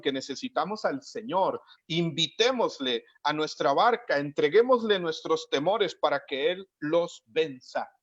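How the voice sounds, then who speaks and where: A man preaching a sermon in an earnest way, slowing down to stress key words and acting out the lines he quotes. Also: fairly high pitch. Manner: acts out the quoted lines of the scripture. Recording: dry, dull lo-fi audio.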